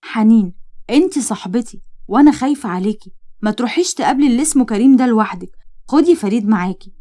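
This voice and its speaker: A level-headed young woman friend in an Egyptian storybook, read by a woman narrator. She gives worried, caring advice at a brisk clip. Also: on the high side, animated, mellow. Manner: worried, advising.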